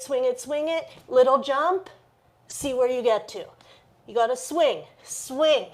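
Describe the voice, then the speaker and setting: A woman teaching a yoga class, cueing poses with short repeated commands and checking in with her students, at times out of breath. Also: sits high. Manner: encouraging, checks in with "okay?". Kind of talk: live yoga class instruction.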